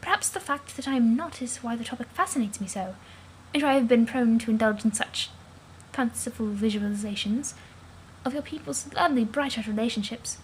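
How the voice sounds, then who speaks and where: A woman voicing a shy, formal alien girl who speaks softly in prim, proper phrasing. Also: fairly high pitch, brisk, slight background noise, natural voice, poor audio. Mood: wistful.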